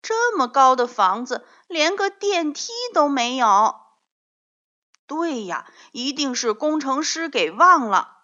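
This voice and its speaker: A woman's voice: high voice, sing-song, slow, sharp tone, voice pushed up, full character voice. A woman voicing weary children in a storybook, complaining emphatically and chiming in. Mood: grumbling. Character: weary grumbling children climbing endless stairs. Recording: slightly dull, lo-fi audio.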